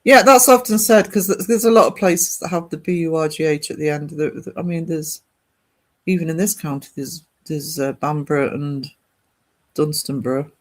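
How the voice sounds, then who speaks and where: A man from northern England with a British accent hosts a livestream at a normal speed, his voice fairly high. He chats casually and ramblingly, reading out and answering comments from viewers.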